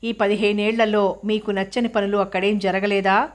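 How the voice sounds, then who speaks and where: Woman reading a stern male prosecutor in a court scene, flat even voice, pointed and sarcastic. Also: mid-range voice, moderate pace, lightly acted. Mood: probing. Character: stern male public prosecutor, sharp and probing.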